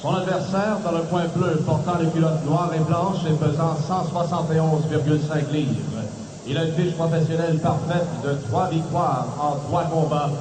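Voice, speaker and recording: A man's voice: fairly high pitch, fairly even intonation, normal speed. A man making a formal boxing ring announcement with a fight promoter's showmanship, drawing out names. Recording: echoey arena PA with loud noise.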